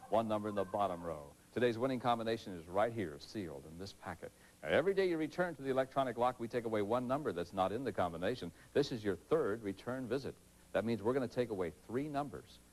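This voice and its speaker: Animated male game show host. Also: medium pitch, low-quality recording.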